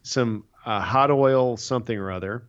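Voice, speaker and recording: A man's voice: medium pitch, normal speed, muffled recording. A man co-hosting a casual chat, joking dryly and rambling through his stories. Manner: dry, joking, rambling with restarts. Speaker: podcast co-host. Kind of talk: casual chat about a reality dating show.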